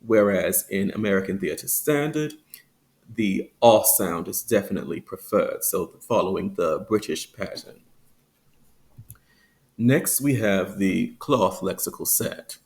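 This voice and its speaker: Low gravelly man teaching phonetics. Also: lively intonation, a little mellow. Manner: explains with fillers, stretches out example words slowly. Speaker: accent teacher. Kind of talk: phonetics lesson.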